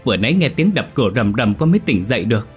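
A man's voice: mid-range voice, very animated, very fast, faint music behind, lightly acted. A man voicing a terrified young pregnant wife who begs tearfully for mercy. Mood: desperate pleading. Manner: tearful begging.

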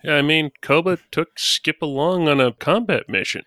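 A man's voice: fairly high pitch, moderate pace, pushed and bright, no room sound, clean studio sound. A man playing in a tabletop game podcast, chatting casually and keeping the session moving.

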